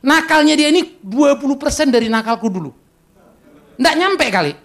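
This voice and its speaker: A middle-aged pastor preaches to young people in a lively, joking way. His voice sits high for a man and has a gravelly edge. He drops into slangy asides now and then. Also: normal speed. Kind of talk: sermon to youth.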